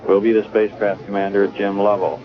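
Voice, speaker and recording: Low steady guy calling a countdown over a crackly radio transmission, muffled and hissy. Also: crowd noise. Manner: steady, measured announcer delivery. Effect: crackly radio transmission sound. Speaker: launch control commentator. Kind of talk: live countdown commentary. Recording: noisy lo-fi archival radio broadcast.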